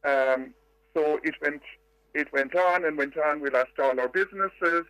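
A woman's voice: a bit bright, dry recording. Older Irish woman, voice disguised by distortion. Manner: measured, reflective storytelling with hesitations. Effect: disguised, pitch-altered voice distortion. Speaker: caller. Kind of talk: phone-in radio call.

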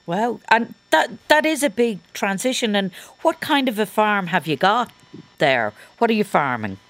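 A woman's voice: mid-range voice, expressive, normal speed, a bit bright, dry recording. An Irish woman presenting on radio and interviewing in a conversational, engaged way. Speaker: radio host. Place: radio studio.

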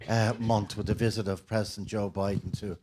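A man's voice: lowish voice, level tone, close to an everyday voice. Guy doing a dublin accent radio presenter, bumbling and repeating himself, bit of background noise. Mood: fumbling. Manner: halting, repetitive questioning. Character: bumbling Dublin radio phone-in host, comic impression. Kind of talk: radio comedy sketch interview.

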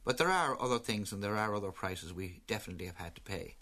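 Deep, bright-voiced man. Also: expressive, fast talker. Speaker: interviewed commentator on tourism. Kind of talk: considered interview answers.

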